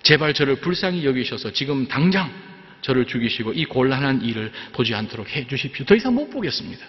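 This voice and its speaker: A man's voice: medium pitch, sing-song, fast, in a large hall, highs cut off, lightly acted. A man voicing a weary aged male prophet who pleads with God to be released from his burden, in an exasperated, pleading way. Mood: despairing.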